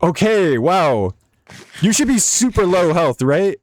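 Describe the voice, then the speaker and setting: A man's voice: high voice, very animated, slow, no echo, studio quality. A young man giving casual, jokey, rambling commentary while playing a video game. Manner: rambling, jokey, laughs often. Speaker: gaming YouTuber.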